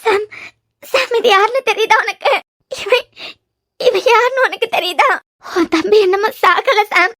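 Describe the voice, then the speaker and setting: A woman's voice: very high-pitched, unhurried, fairly bright tone, heavily acted. A woman voicing an older mother in a cartoon series who tearfully begs her son's forgiveness, with a Kanyakumari Tamil accent. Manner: pleading, tearful, repetitive. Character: grieving elderly mother begging her lost son's forgiveness. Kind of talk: cartoon web series voice acting.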